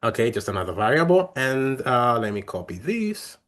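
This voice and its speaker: Speaking at normal speed with a very animated, mid-range voice that's a bit bright, a young man guides a coding workshop live. He's friendly, explaining every step while often restarting and using fillers.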